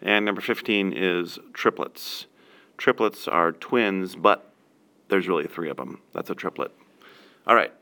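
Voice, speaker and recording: A man dictates a spelling test at an easy, patient pace, adding a casual example sentence after each word. His voice sits very low with a gravelly edge. The tone still comes through crisp and bright. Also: a little slow. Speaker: teacher giving a spelling test.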